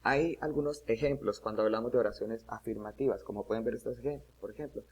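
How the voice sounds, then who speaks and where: A man's voice: mid-range voice, fast, a little mellow, husky, muffled recording. A man teaching an English grammar lesson, explaining step by step and often checking "¿listo?".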